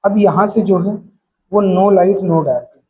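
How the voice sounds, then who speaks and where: A man teaching a shorthand lesson step by step, calling out paired sounds in a steady drill rhythm. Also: sits high, takes it slowly, poor audio.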